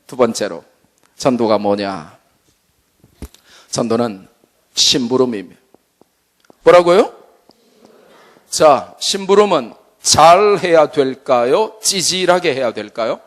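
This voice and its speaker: A male pastor from Busan giving a humorous evangelism sermon at a church seminar, animated and full of jokes. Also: mid-range voice, a little slow. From Busan, South Korea. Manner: animated, joking, full of vivid asides.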